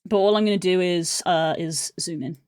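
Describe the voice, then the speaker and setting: A woman's voice: fairly low pitch, moderate pace, darkish tone, clean tone, no echo, clean studio sound. A woman streamer thinking aloud in a loose, casual way as she sorts and edits clips. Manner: muttering and thinking aloud to herself. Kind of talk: casual commentary while editing clips.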